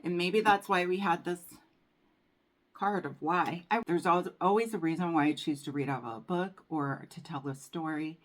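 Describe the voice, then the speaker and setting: A woman reads tarot cards for her viewers in a casual, chatty way. Her voice sits a little low, and she often calls them darling. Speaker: tarot reader. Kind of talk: casual tarot reading to camera.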